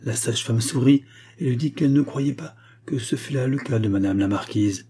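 A man narrating a classic novel aloud in a measured, even storytelling manner. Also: mid-range voice. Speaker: audiobook narrator. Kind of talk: scripted literary narration.

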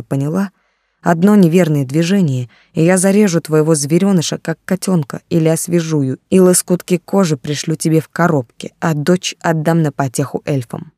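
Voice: medium pitch, dark tone, dry recording, lightly acted. A reader voicing a cruel, jealous male warlord who speaks in contemptuous threats, recorded dry and close. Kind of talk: audiobook character reading.

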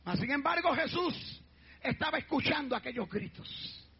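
A man preaching a fiery sermon as pastor, shouting out refrains and crying out praises between phrases. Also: extremely high pitch, animated, moderate pace. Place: church. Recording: dull lo-fi church recording with faint music.

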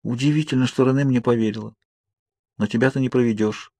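A man voicing a stubborn young woman in a hospital bed, talking back with quiet defiance. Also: mid-range voice, steady tone, fast, no room sound, close to an everyday voice. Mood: hushed.

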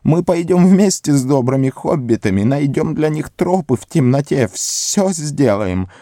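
A man's voice: on the high side, lively intonation, unhurried, mellow, no room sound, studio quality, voice pushed up. A man voicing Gollum, a wretched, cunning creature who whines, hisses and pleads in an audiobook. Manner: whining, hissing, pleading. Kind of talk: audiobook character voice.

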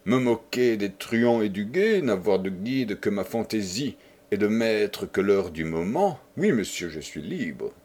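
A man's voice: lowish voice, lively intonation, unhurried, darkish tone, breathy edge. A man doing a swaggering young chevalier. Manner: swaggering, ironic banter. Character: young male chevalier, boastful, mocking and carefree. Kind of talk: audiobook character voice.

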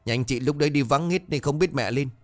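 A man voicing a shrill, spiteful daughter-in-law who scolds her in-laws. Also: fast, close to an everyday voice. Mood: scolding.

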